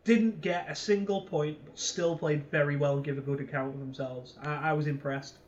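A man co-hosting a casual football podcast, quick to agree and laughing often. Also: a little high, fairly even intonation. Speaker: podcast co-host. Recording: dull lo-fi sound.

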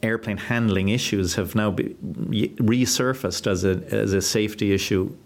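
A man, head of flight training, answering interview questions in an earnest, measured way with frequent fillers. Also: lowish voice, fairly even intonation.

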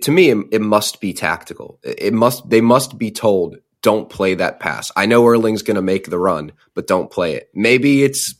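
Low-voiced man debating football tactics. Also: a bit bright. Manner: analytical, plays devil's advocate. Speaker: podcast co-host. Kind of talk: casual football chat.

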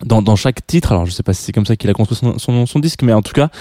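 A man's voice: fairly low pitch, expressive, fast, mellow, no echo, clean studio sound. A man hosting a radio music show, chatting casually and rambling as he corrects himself while introducing a track. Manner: rambling, musing and self-correcting.

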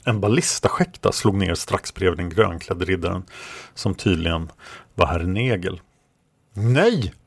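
A man narrating his own fantasy book in a calm, measured way. His voice is low with a gravelly rasp, recorded close and dry with no room sound. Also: no room sound. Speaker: author and podcast narrator. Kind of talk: audiobook narration.

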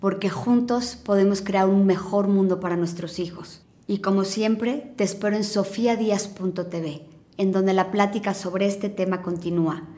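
A woman hosts a parenting podcast and gives calm, gentle, reassuring advice from a script. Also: medium pitch, moderate pace.

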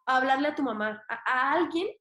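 Young Mexican woman, high voice, expressive slangy podcast guest, roomy echoey recording. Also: brisk. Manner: expressive and slangy, acts out her inner voice. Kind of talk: casual conversation. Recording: echoey room.

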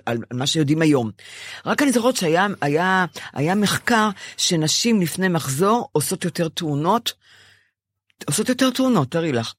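In a relaxed podcast conversation, an older woman tells her co-host a lengthy story from her life, her voice rising and falling sharply. She performs her own past words to others with lively storytelling. The sound is dry and close-miked, without any sense of a room.

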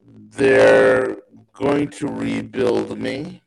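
A man's voice: fairly low pitch, wildly swooping pitch, very slow, creaky. A man in casual chat over a video call, his mic clipping and sounding distorted and robotic. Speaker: show regular joining late.

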